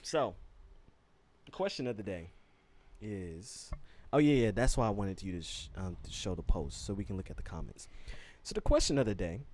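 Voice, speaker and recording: A man hosting a podcast and chatting casually with friends. He talks in an animated, laughing way and slows down when he reads comments aloud. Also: on the low side. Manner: animated, laughing, drawls out quoted voices. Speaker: podcast host. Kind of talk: casual group chat.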